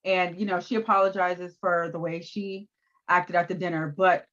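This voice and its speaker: A woman co-hosting a casual recap chat, animated and laughing often as she acts out quotes. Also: fairly low pitch, normal speed, highs cut off. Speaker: podcast co-host.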